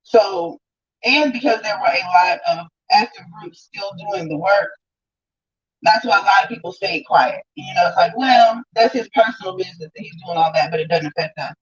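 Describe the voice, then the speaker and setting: A woman calling in to a live talk show, earnestly defending her credibility, her voice muffled and bass-heavy over the phone. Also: lively intonation, moderate pace. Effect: muffled, bass-heavy phone audio. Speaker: guest caller.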